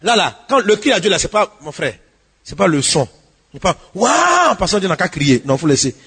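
A man preaching a sermon as a pastor, swinging between hushed pleading and shouted exhortation, with a husky voice. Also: on the high side, animated, a little fast, long reverb tail.

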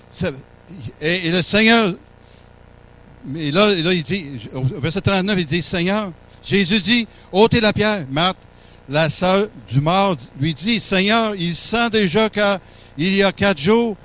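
A man preaching a fervent sermon in a church, repeating words and breaking into shouts of praise. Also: fairly high pitch. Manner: fervent, exclamatory, repeats words, bursts of "wow" and "alléluia".

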